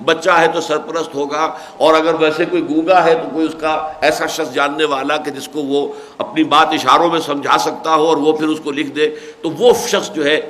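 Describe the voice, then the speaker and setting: A man's voice: fairly high pitch, little pitch movement, hardly any pauses, a bit bright, a little hiss or hum. An older man giving a religious lecture, reciting Arabic verses and then explaining them patiently. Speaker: Quran scholar giving tafseer.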